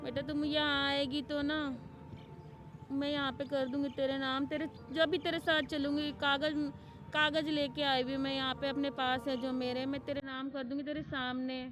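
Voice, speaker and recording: A woman's voice: sits high, flat delivery, moderate pace, over music, close to an everyday voice. A woman playing a begging old mother-in-law. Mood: pleading. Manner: begging, tearful pleading. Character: pleading elderly mother-in-law, frail and desperate. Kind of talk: staged family drama.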